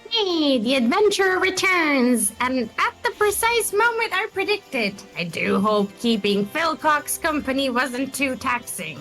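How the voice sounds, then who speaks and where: A woman voicing a formal, poised stage performer in a video game, reading in a measured way. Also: high-pitched, very animated, a bit bright, faint music behind, pitched above the performer's own voice, heavily acted, low-quality recording.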